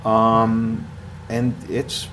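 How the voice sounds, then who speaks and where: A man's voice: lowish voice, very slow, background noise. A man in his forties, a guest in a studio interview, talking in a rambling way with many fillers and restarts. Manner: rambling, with many fillers and restarts, gets louder when animated. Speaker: ski area marketing director, guest. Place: small TV studio, indoors.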